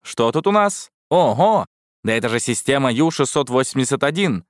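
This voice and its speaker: Guy doing a squeaky paperclip ai helper, high and bubbly, dry close audio. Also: animated, brisk, dry recording, close to an everyday voice. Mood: chirpy. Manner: cheerful, eager. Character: chirpy talking paperclip AI assistant with eyes.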